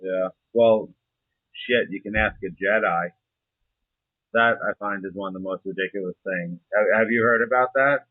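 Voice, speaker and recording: A young man with a fairly low voice talks casually over a narrow, phone-like line. His delivery is informal and halting, with some mild swearing, and the sound is dry. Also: no room sound. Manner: informal, hesitant, mildly profane. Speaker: interview participant, serving soldier. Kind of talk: casual interview conversation.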